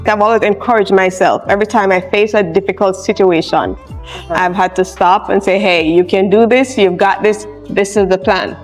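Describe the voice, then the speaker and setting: A woman, a charge nurse speaking in a personal interview in a soft-spoken, reflective, encouraging way. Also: mid-range voice, steady tone, normal speed. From Jamaica. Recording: soft music underneath.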